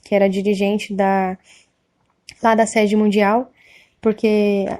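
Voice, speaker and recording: A woman's voice: medium pitch, little pitch movement, slow pace, warm tone. A Brazilian woman giving an emotional, earnest religious testimony, often asking her listeners "amém?". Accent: Brazilian Portuguese. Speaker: church member giving testimony.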